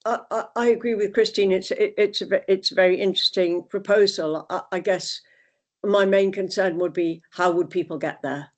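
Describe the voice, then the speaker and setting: A woman speaks off the cuff at a public meeting in a middling pitch. She is polite and emphatic, often doubling back on words to stress her point. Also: steady tone, normal speed, a little mellow. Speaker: meeting attendee giving feedback. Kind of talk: spontaneous meeting discussion.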